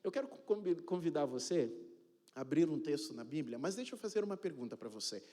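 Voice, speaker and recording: A man's voice: fairly high pitch, animated, fairly quick, mellow. A male pastor with a Brazilian Portuguese accent, talking to his congregation in a casual, informal way and asking them questions directly. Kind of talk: casual sermon talk to a congregation. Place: church sanctuary. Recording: church hall with long reverb.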